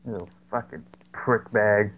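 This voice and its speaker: With a lowish voice at a moderate pace, this young gaming channel host talks casually during a co-op horror game. His chat is full of swearing, jokes, and sarcasm, all captured in lo-fi sound.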